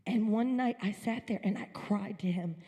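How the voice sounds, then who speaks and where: A woman's voice: medium pitch, moderate pace, mellow, long reverb tail. A woman from upstate New York giving an earnest, emphatic personal testimony at a church service. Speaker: guest speaker at a church service. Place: church sanctuary.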